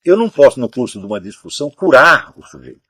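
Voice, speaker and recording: A man's voice: mid-range voice, big pitch swings, fast, pushed and bright, slightly rough, no echo, studio quality. An older man from Brazil, host of his own show, talking in a loose, emphatic way, swearing often and ending phrases with a questioning tag. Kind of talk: casual spoken commentary.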